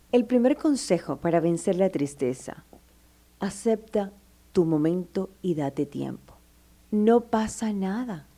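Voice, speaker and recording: A woman's voice: on the low side, mellow. A woman giving motivational advice to her listener. She talks with affection, calls the listener "my love", and stresses her points with feeling. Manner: emphatic, acts out listener's inner doubts. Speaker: advice speaker.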